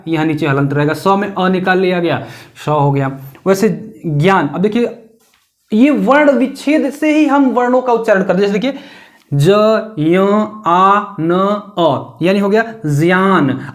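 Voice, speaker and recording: A male teacher explaining a lesson step by step, asking questions and answering them himself and repeating the key points. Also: high-pitched. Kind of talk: classroom-style lesson.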